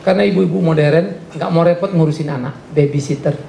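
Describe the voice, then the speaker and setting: A middle-aged man preaching a lively sermon as a pastor, jokey, and he acts out little dialogues. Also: fairly high pitch, a little fast, gravelly, echoey room, a little hiss or hum. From Indonesia. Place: church hall.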